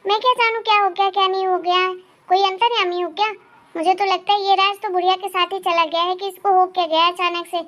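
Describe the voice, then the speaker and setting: A woman's voice: very high-pitched, steady tone, fast, a bit bright. A woman doing a bossy cartoon daughter-in-law. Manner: bossy, scornful. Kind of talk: cartoon voice acting.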